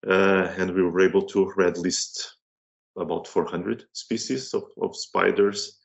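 A middle-aged man with a Portuguese accent and a very low, gravelly voice. He speaks haltingly, circling back and restarting his phrases. The audio is dull and lo-fi. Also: flat delivery. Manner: hesitant, many restarts and fillers. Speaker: museum curator and researcher. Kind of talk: online course interview.

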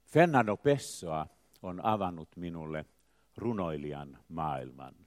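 An older man, an artist, speaking in a slow, measured, poetic way, with phrases that swell in emphasis and then trail off quietly. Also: sits low, lively intonation, dry recording, clean studio sound. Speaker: artist, choreographer. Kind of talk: reflective spoken essay with recited poetry.

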